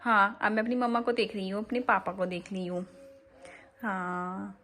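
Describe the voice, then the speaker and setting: A woman's voice: mid-range voice, steady tone, normal speed, a bit bright, natural voice. A woman voicing a cheerful, chatty baby girl, narrating a vlog in the first person in sweet, sing-song baby talk. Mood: playful.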